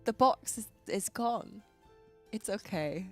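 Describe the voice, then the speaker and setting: A woman co-hosting a livestream, chatty and excitable, playfully exclaiming and thanking viewers. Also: mid-range voice, slow. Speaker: livestream co-host. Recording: music behind the voice.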